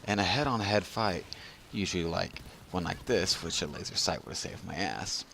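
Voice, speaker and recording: A man's voice: low-pitched, normal speed, vocal fry, pushed and bright, a little hiss or hum. A drunk man giving casual, rambling video game commentary as a tutorial narrator, losing his train of thought.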